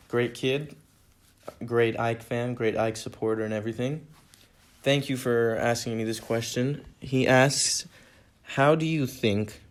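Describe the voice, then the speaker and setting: A young man from America hosting a solo podcast, answering fan questions in an earnest, rambling way that repeats itself. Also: mid-range voice. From United States. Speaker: podcast host.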